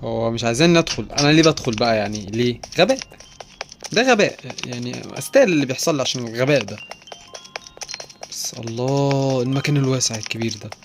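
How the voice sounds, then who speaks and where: A man's voice: medium pitch, quick pace, noisy background. Joking Egyptian man playing a game. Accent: Egyptian Arabic. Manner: joking, swears and shouts when startled. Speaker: gaming YouTuber. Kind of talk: let's play commentary. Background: loud game music.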